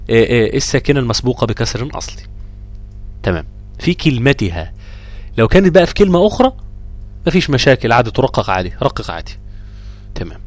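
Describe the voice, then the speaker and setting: Lively Egyptian man teaching recitation. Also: fairly high pitch, no echo. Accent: Egyptian Arabic. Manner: lively, drawn-out chanting of verse examples; quizzes students, repeats rules. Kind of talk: live tajweed lesson.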